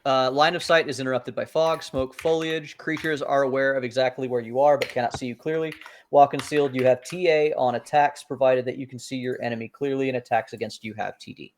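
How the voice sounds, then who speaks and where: A man's voice: medium pitch, steady tone, a little fast, slight background noise. Man chatting through a tabletop game. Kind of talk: casual table talk during a tabletop role-playing game.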